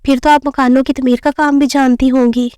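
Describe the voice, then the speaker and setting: A woman's voice: high-pitched, flat delivery, a little fast, a little mellow, dry recording, clean studio sound, lightly acted. A woman reading the lines of a kind, teasing young husband in a playful, mock-formal way.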